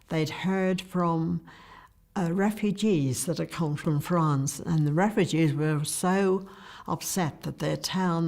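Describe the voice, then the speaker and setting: A woman's voice: fairly low pitch, creaky, a little mellow. An older woman from Guernsey recalling childhood memories in an interview, in a plain conversational way. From Guernsey, Channel Islands. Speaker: eyewitness interviewee. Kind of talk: recollection in an interview.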